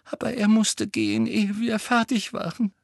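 An audiobook narrator voices a sobbing teenage schoolgirl who whines and stammers, pitching up from their natural voice into a mid-range, sing-song tone. The pace is normal with vocal fry, and the clean studio recording has no echo.

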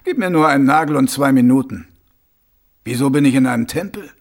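A man voicing a gruff, blunt, middle-aged watch commander who talks loudly and demandingly. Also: medium pitch, fairly quick, pitched above the performer's own voice.

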